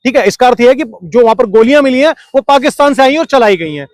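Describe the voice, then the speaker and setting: A man being interviewed, arguing his point forcefully and firing off rhetorical questions while refusing to be cut off. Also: very high voice, lively intonation, quick pace, no echo, clean studio sound. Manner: argumentative, fires rhetorical questions, keeps talking over interruptions. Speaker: interview guest. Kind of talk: heated political interview.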